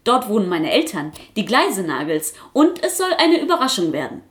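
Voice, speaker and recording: A woman voicing a talkative, boastful little male Kasper puppet in a storybook reading, chattering excitedly and insisting on getting his way. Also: mid-range voice, fairly quick, close to an everyday voice. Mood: insistent.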